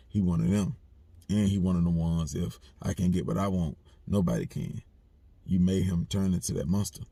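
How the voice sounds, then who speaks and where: A man's voice: sits low, creaky, dark tone, breathy edge, no room sound. A man giving a blunt, repetitive, streetwise commentary monologue. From United States. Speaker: commentary channel host.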